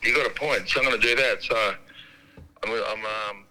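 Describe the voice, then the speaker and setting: A man's voice: medium pitch, steady tone, a little fast, bright, forceful tone, low-quality recording. A man, heard over a speakerphone call, chatting in a laddish, joking way as a phone guest. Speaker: phone guest, former footballer. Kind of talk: casual phone chat.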